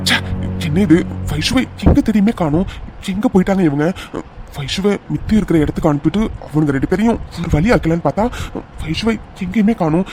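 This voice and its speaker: A man's voice: sits high, a little fast, over music, natural voice. A man voicing a protective, hot-tempered young man in a cartoon, talking urgently and anxiously. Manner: urgent, pleading, worried. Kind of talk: cartoon voice acting.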